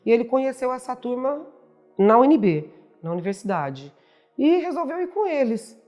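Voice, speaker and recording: A woman's voice: high voice, big pitch swings, normal speed, mellow, soft background music. A middle-aged woman with a Brazilian Portuguese accent, a mother giving a personal testimony in a documentary interview, recounting events and acting out remembered dialogue.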